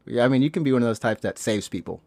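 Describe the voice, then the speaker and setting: A young man hosting a casual podcast. He jokes, laughs often and now and then jumps into high silly voices. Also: animated, rapid-fire, creaky, darkish tone, no echo. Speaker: podcast host.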